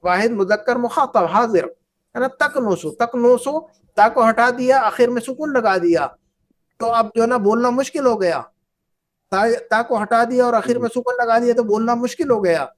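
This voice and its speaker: A woman whose first language is Urdu, teaching an Arabic grammar lesson, patiently repeating verb forms and asking the class questions. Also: fairly high pitch. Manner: asks the class questions and invites answers.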